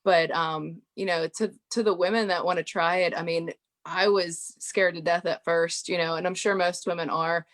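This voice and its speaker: A woman's voice: on the low side, fairly even intonation, moderate pace, fairly bright tone. A woman guest on an interview show, telling stories in a chatty way with many "you know" fillers. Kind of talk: casual podcast interview.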